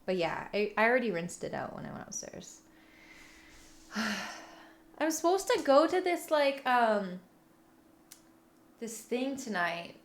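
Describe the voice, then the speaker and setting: Woman livestreamer, playful and cute, high register, unhurried casual chat with viewers. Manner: animated, expressive delivery. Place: room at home.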